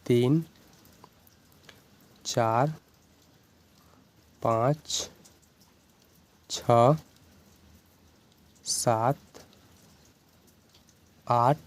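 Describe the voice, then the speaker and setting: A man with a Bihari Hindi accent teaching a lesson, explaining slowly and patiently and often checking in with the viewer. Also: mid-range voice. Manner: patient, repeats "ठीक है ना" often.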